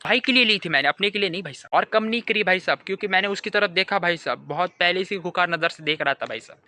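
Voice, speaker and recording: A young man telling a comic monologue to camera, animated storytelling that keeps circling back to a catchphrase. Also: high voice, fast. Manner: animated storytelling, keeps repeating "bhai sahab". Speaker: comedy vlogger. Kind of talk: stand-up style comic monologue.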